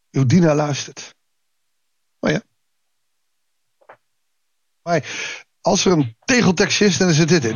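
A man's voice: fairly high pitch, slightly rough, dry recording. A man giving a devotional Bible reading, reading the verses and breaking off into conversational asides with frequent restarts. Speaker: preacher.

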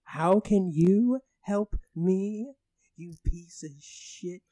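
A man's voice: sits high, no room sound, voice pushed up. Man doing a rude pompous British mayor. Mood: pompous, abusive. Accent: put-on British. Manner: bullying, insulting, drawn-out shouting. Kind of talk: improvised comedy role-play.

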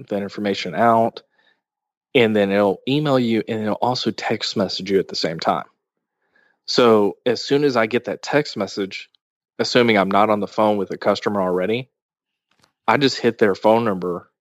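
A man's voice: on the low side, no room sound. A man co-hosting a podcast, chatting casually and telling long anecdotes. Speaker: podcast co-host.

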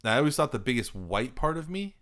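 A man's voice: medium pitch, sing-song, fast, a bit bright. A man hosting a podcast in casual chat, joking and swearing with a sardonic edge. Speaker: podcast host.

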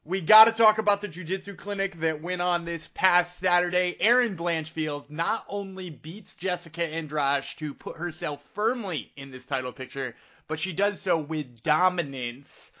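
A man's voice: a little high, normal speed, pushed and bright. A man hosting a sports podcast, interviewing and talking through matchups in a casual style. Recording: slightly dull, lo-fi sound.

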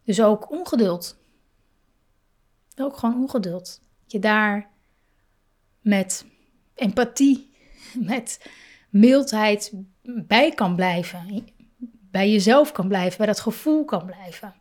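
A woman giving a reflective talk on parenting and feelings, speaking slowly and thoughtfully with soft laughs and pauses. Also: medium pitch, lively intonation.

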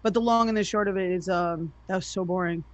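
A woman co-hosting a casual comedy podcast over a weak remote call, firing back sharp, scolding retorts. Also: fairly low pitch, fast, no echo, highs cut off. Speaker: co-host. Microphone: remote call with a poor connection.

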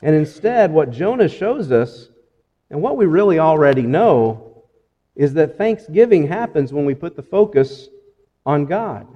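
A man's voice: fairly high pitch, big pitch swings, a little slow, big-room sound, lo-fi sound. A man preaching a sermon with earnest emphasis, repeating phrases and acting out the quotes he reads. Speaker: pastor.

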